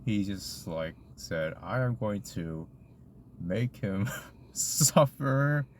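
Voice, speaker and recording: A man co-hosts a casual podcast, recapping a convention in a rambling way full of likes, ums and other fillers. His voice is lowish and expressive, and he talks extremely slowly. There's a little hiss or hum in the audio.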